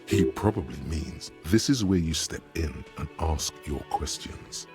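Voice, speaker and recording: A man's voice: a bass voice, lively intonation, unhurried, darkish tone, soft background music, full character voice. A man voicing the dry, wry inner narrator of a detective video game.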